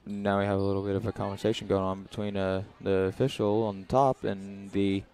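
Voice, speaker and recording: A man's voice: fairly low pitch, level tone, a little fast, a little mellow. A young man giving casual, chatty color commentary on a volleyball match, with jokey asides. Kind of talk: live sports commentary.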